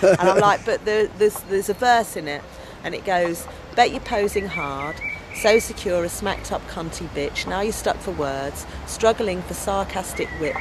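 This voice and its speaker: Speaking in a fairly low register, an activist and storyteller from England tells lively stories in a casual outdoor interview. Her voice is big, strong and loud, and there is noise in the background.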